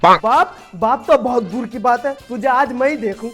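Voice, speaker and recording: A woman's voice: fairly high pitch, normal speed, faint music behind, close to an everyday voice. A woman acting a bossy, threatening mother in a family comedy sketch. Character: bossy mother named Farzana.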